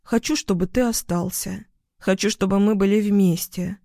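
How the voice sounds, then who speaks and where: A man voicing a volatile, clingy young woman in an audiobook, given to shrill screaming outbursts. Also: measured pace, no room sound, studio quality. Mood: sleepy. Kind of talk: audiobook character voice.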